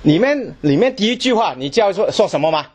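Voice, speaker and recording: A man's voice: sits high, sing-song, quick pace, a little mellow, husky. A man preaching a sermon, asking the congregation questions and repeating his words as he goes.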